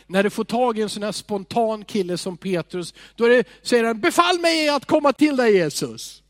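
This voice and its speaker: A man preaching a sermon, swinging between loud emphatic lines and hushed, near-whispered ones. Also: fairly high pitch, no echo. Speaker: pastor.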